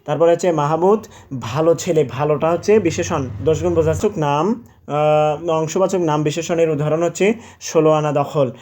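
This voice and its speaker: A man's voice: fairly high pitch, a little mellow. A young man teaching, working through exam questions step by step, asking and answering himself and correcting his slips. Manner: drawn-out example words, repeated aloud.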